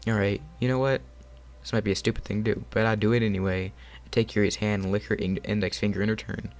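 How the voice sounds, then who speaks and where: A man's voice: on the low side, level tone, fast talker. Joking young man reading a game aloud. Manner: joking, laughs often, reads aloud. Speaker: gamer reading a visual novel aloud. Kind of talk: casual game playthrough narration.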